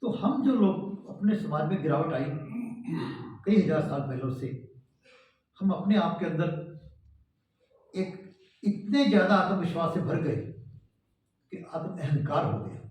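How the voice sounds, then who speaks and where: A man's voice: on the high side, animated, slow, long pauses, a little mellow. A man giving an earnest moral lecture to a gathering in a large hall, posing rhetorical questions. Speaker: speaker addressing a cultural meeting. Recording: echoey hall, distant mic, dull sound.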